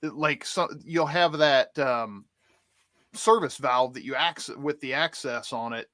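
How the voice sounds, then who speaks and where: Bright-voiced man, dry close sound. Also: mid-range voice, takes it slowly, dry recording. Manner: loose, hesitant, filler-heavy. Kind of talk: casual podcast chat.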